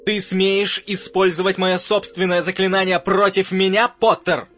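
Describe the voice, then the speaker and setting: A man voicing a sneering, scornful middle-aged male wizard in an audiobook, with slow, drawn-out taunting delivery. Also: high-pitched, a bit bright, slightly rough, voice pushed up, heavily acted. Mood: furious. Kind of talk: audiobook character voice. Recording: muffled audio with faint music.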